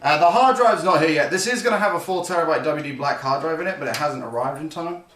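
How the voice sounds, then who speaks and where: Building a PC on a live stream, this young man rambles to his viewers in a relaxed way, often correcting himself. His voice sits a little high, fairly bright in tone, and he talks quickly. The audio is roomy and a bit distant, with a faint hiss.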